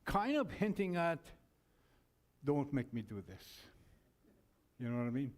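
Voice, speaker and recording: A man's voice: medium pitch, big pitch swings, measured pace, a little mellow. A man co-hosting a forum, giving closing remarks with a rambling, storytelling manner full of restarts. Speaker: forum co-host.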